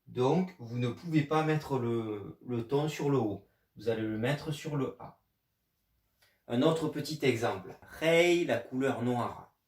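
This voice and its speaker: A man's voice: medium pitch, darkish tone. Man teaching in an echoey room. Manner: patient, spells out letters slowly. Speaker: Chinese language teacher. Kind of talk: explanatory video lesson. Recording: echoey room, mic at a distance.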